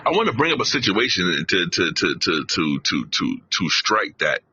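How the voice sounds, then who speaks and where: A man's voice: low-pitched, sing-song, normal speed, sharp tone, muffled recording, a little hiss or hum. A man hosting a live stream, preaching emphatically, repeating his phrases and swearing. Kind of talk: casual live-stream commentary.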